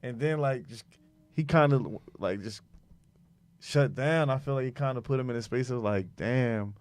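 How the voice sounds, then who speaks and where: A man's voice: medium pitch, moderate pace, a little mellow, clear, resonant tone. Laid-back man telling stories. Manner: laid-back storytelling, heavy use of "like". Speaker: podcast co-host. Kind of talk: casual chat.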